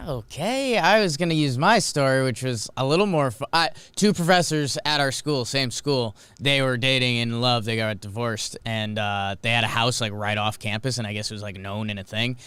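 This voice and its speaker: A young man co-hosting a podcast, telling crude stories with animated swings into a higher voice. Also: moderate pace, hardly any pauses, clean tone, dry recording. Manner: animated, crude, jumps into high excited tones. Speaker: podcast co-host. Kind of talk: casual comedic banter.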